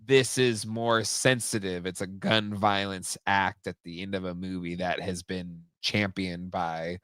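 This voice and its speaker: Guy hosting a toy chat show, rambly, lots of ums, bright punchy voice, dry close mic. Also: deep voice, steady tone, unhurried, clear, resonant tone, no echo. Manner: rambling, many fillers and restarts. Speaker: podcast host. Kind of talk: casual chat.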